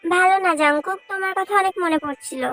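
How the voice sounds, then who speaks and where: A woman voicing a playful, stubborn young zamindar's daughter who whines and pleads like a child, over soft music. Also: very high voice, steady tone, fast talker. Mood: cheeky.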